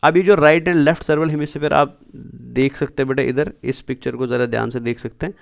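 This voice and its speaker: A man gives a biology lesson in a smooth, clear voice. He walks his students through the material, poses questions and answers them himself, and slips English terms and whole sentences into his speech. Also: mid-range voice, fairly even intonation, brisk. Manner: keeps asking and answering his own questions, calls students "beta". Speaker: biology teacher. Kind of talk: exam-prep lecture over slides.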